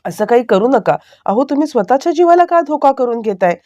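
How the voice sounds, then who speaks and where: A woman voicing a young woman who gently scolds an older aunt. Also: a little high, lively intonation, fairly quick, dry recording, muffled recording, pitched above the performer's own voice, natural voice. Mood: coaxing. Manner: coaxing, scolding.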